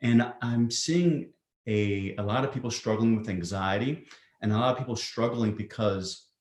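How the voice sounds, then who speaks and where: Low-voiced man with roomy echo. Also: normal speed, darkish tone. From Greece. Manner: thoughtful, with frequent ums and restarts. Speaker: psychiatrist guest. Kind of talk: conversational interview answers.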